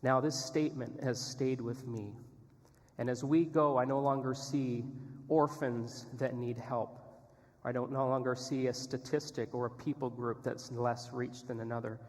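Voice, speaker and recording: A man's voice: mid-range voice, level tone, unhurried. A male missionary telling an earnest, candid story as a sermon testimony in a church. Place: church sanctuary. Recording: long reverb in a church hall.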